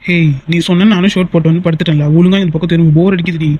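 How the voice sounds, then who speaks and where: A voice actor dubbing a teasing, easily annoyed young man in a cartoon, talking in fast, bickering banter. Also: mid-range voice, steady tone, dry recording, muffled recording, natural voice. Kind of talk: cartoon voice dub.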